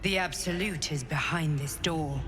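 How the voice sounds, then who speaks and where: An actress playing a solemn female adventurer in a fantasy game, measured and ominous. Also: sits low. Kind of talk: dramatic fantasy game acting. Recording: loud music behind the voice.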